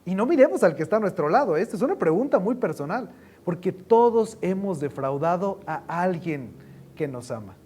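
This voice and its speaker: A male pastor preaching a sermon, swinging between loud emphasis and hushed, quiet lows. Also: very animated, normal speed, slight background noise.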